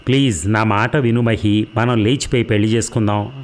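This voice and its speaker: A man's voice: fairly low pitch, steady tone, normal speed, close to an everyday voice. A man voicing a young woman in love, pleading and tearful, in an emotional reading of a novel.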